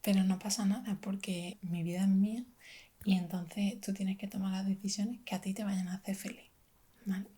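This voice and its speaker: Whispered ASMR pep talk, mellow Spanish woman. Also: medium pitch, flat delivery, moderate pace. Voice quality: breathy whisper. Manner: gentle, reassuring, addressing the listener as a friend. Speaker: ASMR video creator.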